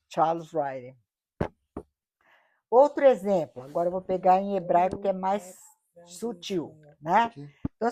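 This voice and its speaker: A Brazilian woman of middle age leads a Bible study lesson in a warm, mellow voice. She explains step by step, checks in with her listeners and poses rhetorical questions as she goes. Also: mid-range voice. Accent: Brazilian Portuguese. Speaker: Bible teacher.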